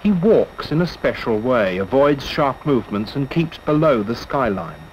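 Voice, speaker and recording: Man, nature documentary narration, scripted, measured literary storytelling, mid-pitched, muffled vintage film track, slight background noise. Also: big pitch swings. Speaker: documentary narrator and expedition member. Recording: dull lo-fi old film soundtrack with hiss.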